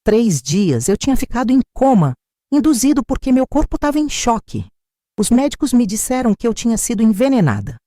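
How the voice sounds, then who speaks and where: Older brazilian woman telling a dramatic story, low mellow voice, swoops a lot. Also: very animated, brisk, no room sound, clean studio sound. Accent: Brazilian Portuguese. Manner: dramatic, tense, emphatic. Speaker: narrator. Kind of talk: dramatic first-person storytelling.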